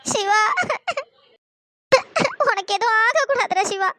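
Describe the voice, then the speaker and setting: A woman voicing a young woman heroine in a cartoon story, pleading and sobbing in a very high, sped-up voice. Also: animated, quick pace, heavy background noise. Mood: tearful.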